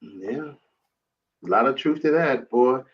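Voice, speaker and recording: A man's voice: medium pitch, lively intonation, slow. Male guest from Brooklyn, mid-range voice, colloquial and plainspoken, casual storytelling on slightly muffled audio. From Brooklyn, New York.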